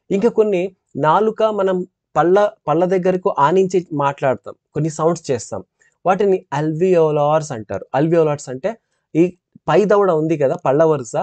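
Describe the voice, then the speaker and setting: A man with a Telugu accent lectures on phonetics in a classroom style. His voice sits a little high yet sounds mellow. The recording is dry and close, and he repeats each sample sound slowly and carefully. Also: dry recording, dull audio. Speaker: English teacher.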